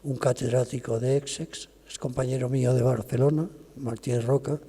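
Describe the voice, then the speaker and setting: An older man from lectures to an audience, explaining patiently and breaking off to restart his phrases. His voice is gravelly and husky with a mellow, dark tone. The sound carries the long reverb of a lecture hall. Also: mid-range voice, steady tone, moderate pace. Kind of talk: academic lecture.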